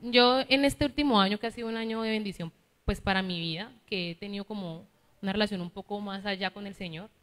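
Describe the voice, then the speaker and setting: A woman's voice: mid-range voice, fast talker, fairly bright tone, big-room sound. A woman with a Colombian accent from Cali preaching a sermon, teaching and often asking her listeners for agreement. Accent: Colombian Spanish, Cali. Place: church hall.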